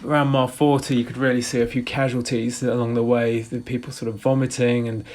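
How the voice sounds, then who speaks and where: A man's voice: medium pitch, flat delivery, quick pace, darkish tone. A man in his forties giving a casual race report, rambling with frequent restarts and fillers. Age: 40s. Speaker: ultrarunner vlogger.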